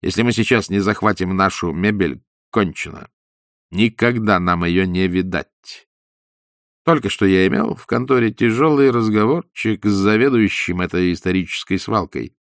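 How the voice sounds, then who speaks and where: A man's voice: fairly low pitch, normal speed, no echo, studio quality, lightly acted. A man voicing a brash, confident young male swindler with a commanding, theatrical delivery. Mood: urgent. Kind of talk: audiobook character voice.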